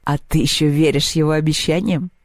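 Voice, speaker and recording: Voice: mid-range voice, fairly even intonation, fairly quick, dry recording, clean studio sound, natural voice. A reader voicing a scheming, mocking ancient female villain who giggles and sneers.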